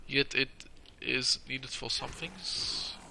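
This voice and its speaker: Male gameplay host, very bright piercing tone, nose plugged with tissue, halting casual walkthrough style. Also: medium pitch, gravelly, slight background noise. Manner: halting, hesitant delivery crowded with uhs. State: nose plugged with tissue from a nosebleed, stuffy nasal sound. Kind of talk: casual video game walkthrough commentary.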